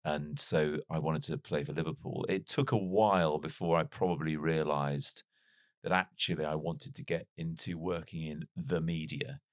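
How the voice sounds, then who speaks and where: This podcast guest from North Wales has a very deep voice and a mild British accent that isn't strongly Welsh. He tells stories in a casual interview, reflective, wry and self-deprecating, with a steady tone at a moderate pace. The studio sound is clean and free of echo.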